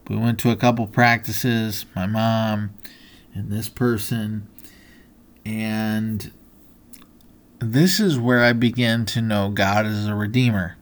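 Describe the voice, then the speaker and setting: A man's voice: lowish voice, steady tone, slow, long pauses. A man hosting a podcast, telling a personal story in an earnest, motivational way, with many fillers and restarts. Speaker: podcast host.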